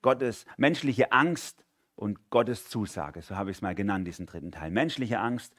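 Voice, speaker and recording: A man preaching a sermon in an animated way, moving between loud emphasis and quiet intensity and often asking listeners to agree with him. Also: on the low side, moderate pace, no room sound, studio quality. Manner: asks listeners for agreement with a spoken tag.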